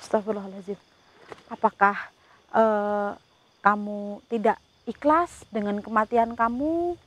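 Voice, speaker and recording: A woman's voice: mid-range voice, a little slow. A woman ghost hunter outdoors, coaxing and pleading with a spirit and muttering prayers under her breath. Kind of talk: paranormal investigation commentary. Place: outdoors at night before rain.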